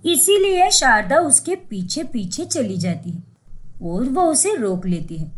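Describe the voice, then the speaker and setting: A woman telling a scripted cartoon story. She reads slowly, her voice pitched a little high. Her pitch moves lively and animated through every sentence.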